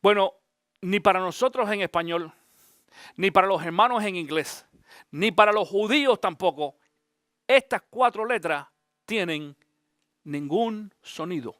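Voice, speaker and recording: A man, a pastor, giving an animated Bible teaching, often asking his listeners direct questions. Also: high-pitched, measured pace, pauses often, dry recording, clean studio sound.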